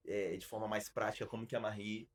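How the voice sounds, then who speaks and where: A man with a Brazilian Portuguese accent hosts a casual podcast as an arts school founder, telling stories emphatically and frequently restarting his sentences. His voice is fairly low with little pitch movement, and he talks fast.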